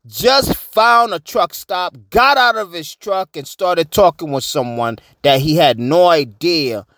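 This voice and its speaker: A man giving casual opinion commentary, slangy, animated and repeating himself. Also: high-pitched, no echo, studio quality. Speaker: vlogger.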